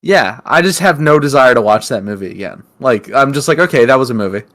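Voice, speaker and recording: A man's voice: medium pitch, lively intonation, quick pace, a bit bright. A man co-hosting a podcast in casual chat, teasing and goofy, sometimes slipping into silly voices. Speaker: podcast co-host.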